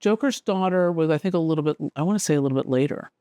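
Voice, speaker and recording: A woman's voice: deep voice, rapid-fire, mellow, clean tone, no room sound. A woman hosting a casual, rambling chat as a comic book collector, flipping through old issues with an amused tone.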